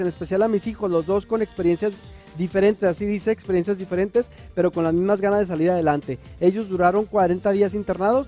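In a TV studio, a man with a high, mellow voice and a Northern Mexican accent co-hosts a live morning show. He jokes playfully and reads viewers' messages aloud in lively chat.

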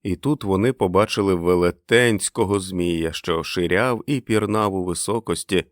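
A man reading a literary story aloud in a measured, expressive way. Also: low voice, no echo, studio quality. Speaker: audiobook narrator.

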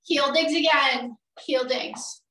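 A middle-aged woman works as an aerobics instructor, giving energetic cues and counts as she exercises along. Her voice is high and bright, with unhurried, spaced-out phrasing. She is teaching a workout from a small room. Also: slight background noise. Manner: energetic aerobics-instructor cueing, exerting while demonstrating. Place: small indoor home gym. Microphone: far camera a few metres away. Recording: roomy echo, distant microphone.

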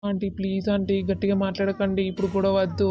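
An earnest young village man, voiced by a woman placates in a quick, completely monotone voice. The cartoon audio sounds dull and lo-fi. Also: medium pitch, faint music behind, natural voice. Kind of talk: cartoon voice acting.

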